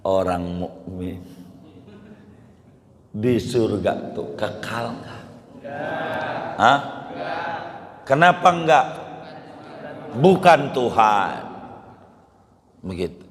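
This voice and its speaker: A hoarse man preaching, quizzing his listeners and repeating key phrases. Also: fairly low pitch, expressive, very slow, pauses often. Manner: repeats phrases, quizzes listeners, colloquial Betawi-flavored Indonesian. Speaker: Islamic preacher. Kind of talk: lecture sermon with questions to the audience. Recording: long hall reverb.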